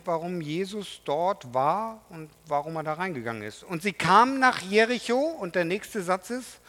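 Slow-speaking male preacher in a reverberant hall. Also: high voice, fairly bright tone. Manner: conversational, asks the congregation questions. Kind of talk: sermon. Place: church hall.

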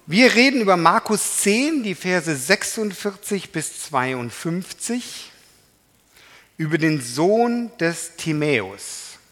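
A man's voice: sits high, sing-song, takes it slowly, fairly bright tone. A man preaching a sermon to a congregation in a conversational way, often putting questions to his listeners. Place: church hall. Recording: reverberant hall.

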